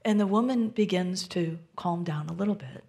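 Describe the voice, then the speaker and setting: A woman minister giving a gentle, reflective sermon, often dropping to a soft near-whisper. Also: on the low side, moderate pace.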